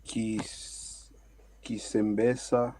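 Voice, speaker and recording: A man student reading words slowly, one by one, over a video call. Other people can be heard talking clearly behind him. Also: lowish voice, flat delivery, crowd noise. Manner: slow, word by word. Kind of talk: reading a word list aloud.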